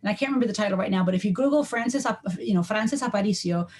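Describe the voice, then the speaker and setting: A woman's voice: mid-range voice, very fast, darkish tone. A middle-aged woman from New York, a linguistics professor as podcast guest, explaining at length with frequent ums and restarts. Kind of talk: conversational podcast interview.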